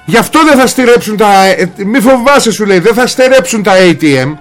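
A man's voice: high-pitched, lively intonation, fairly bright tone, faint music behind. A man hosting ranting political commentary, sarcastic and mocking, firing rhetorical questions at his listeners.

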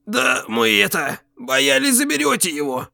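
A man voicing a pleading, wheedling male street tramp, whining and begging in a higher, softer voice. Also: sing-song, normal speed, vocal fry, no room sound, clean studio sound, exaggerated voice.

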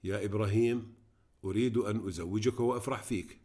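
A man's voice: lowish voice, quick pace, dark tone, lightly acted. A man reading aloud, voicing an older mother who insists and repeats herself. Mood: insistent. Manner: raised, insistent and repetitive.

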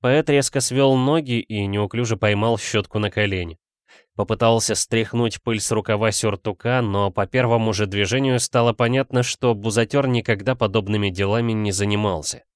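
Man, narrator, audiobook reading, measured, low voice, dry recording. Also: fairly even intonation, clean tone, no echo.

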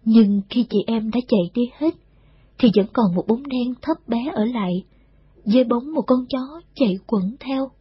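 Audiobook narrator: woman, steady storytelling, breathy and husky, dry muffled recording. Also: a little high, moderate pace, no echo. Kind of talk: audiobook reading of a war novel.

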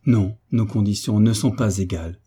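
A man's voice: fairly low pitch, normal speed, warm tone, breathy edge. A man voicing a proud, grieving young orphan woman in an audiobook, pleading through tears. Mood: despairing. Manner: sorrowful, tearful pleading. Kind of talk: audiobook reading.

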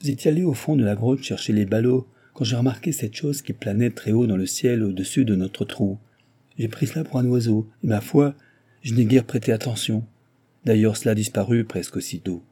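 A man's voice: on the low side, fairly quick, mellow, husky. A man reading voicing a comic male valet who laments and frets. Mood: puzzled. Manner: lamenting, fussy.

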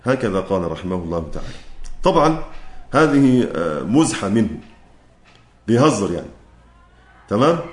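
A man with an Egyptian accent teaching a recitation class, chanting verse lines slowly and quizzing his students. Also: on the low side, big pitch swings, reverberant. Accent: Egyptian Arabic. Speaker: lecturer on Quran recitation. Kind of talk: classroom lecture.

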